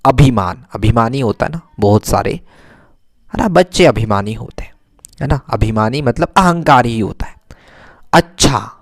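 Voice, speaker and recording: A male teacher talks children through a vocabulary lesson in a middle-pitched voice, repeating every word and answering his own questions. The sound is dry and close, with no room echo. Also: animated. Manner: repeats words slowly, asks and answers himself.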